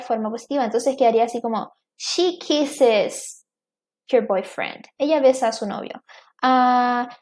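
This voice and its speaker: A woman teaching English grammar in Spanish, speaking her English examples slowly and often checking in with her students. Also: high-pitched, darkish tone. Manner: slow, careful reading of example sentences. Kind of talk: online grammar lesson.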